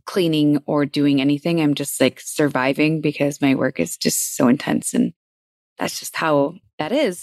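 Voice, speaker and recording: A woman's voice: deep voice, creaky, dry recording, studio quality. A middle-aged woman co-hosting a podcast, talking in a rambling, reflective way with many fillers. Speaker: podcast co-host. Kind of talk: casual chat.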